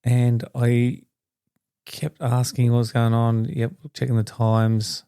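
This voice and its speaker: Middle-aged male podcast host: low, gravelly, mellow voice, rambling storyteller, dry close recording. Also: monotone, slow pace, dry recording. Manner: rambling, chatty, often restarts mid-sentence. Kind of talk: casual storytelling monologue.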